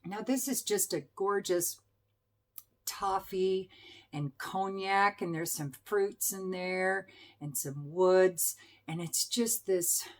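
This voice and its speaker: A woman's voice: mid-range voice, slow pace. A middle-aged woman chatting enthusiastically as a perfume reviewer, with fillers and self-corrections. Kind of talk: casual product review.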